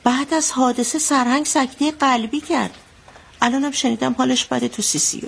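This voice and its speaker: A woman's voice: high-pitched, steady tone, creaky, husky, exaggerated voice. An actress playing an anxious mother who recounts a bloody wedding in a radio drama, telling it vividly. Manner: vivid storytelling, shouting out the quotes she retells.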